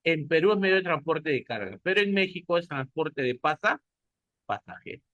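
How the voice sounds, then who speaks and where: This class lecture comes from a Peruvian teacher with a Peruvian Spanish accent who asks questions and answers them himself. His voice is a little high, fairly bright and expressive, at a moderate pace. The recording sounds muffled and has no echo.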